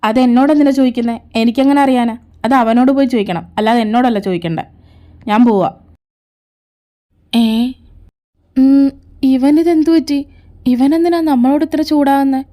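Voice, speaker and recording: A woman's voice: high-pitched, moderate pace, pauses often, warm tone. Woman voicing every role in a fan audio drama. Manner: switches between several characters, arguing and teasing. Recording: faint background music.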